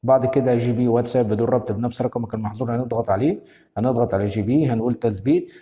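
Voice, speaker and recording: A man with an Egyptian Arabic accent hosting a step-by-step phone tutorial, giving brisk instructions and constantly checking in with the viewer. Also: mid-range voice, warm tone, in a large hall. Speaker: tech tutorial host.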